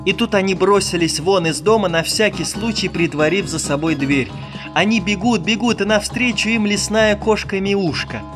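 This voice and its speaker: A man narrating a children's fairy tale, in a lively, expressive storybook style. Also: sits high, moderate pace, music in the background. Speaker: audiobook narrator.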